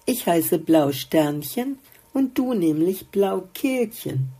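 A woman voicing a gentle, wise female blue flower in a storybook, patiently explaining things. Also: on the low side, lively intonation, takes it slowly, slightly rough, heavily acted.

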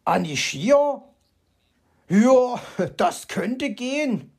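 A woman reading a children's audiobook, voicing a grumpy, vain male fox who grumbles and flares up quickly. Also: on the high side, big pitch swings, a little mellow, husky, heavily acted. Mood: grumbling. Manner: grumbling, easily outraged.

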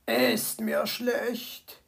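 A woman's voice: fairly high pitch, measured pace, vocal fry. A woman voicing a greedy male fox with a stomach ache who talks in a sheepish, whiny way.

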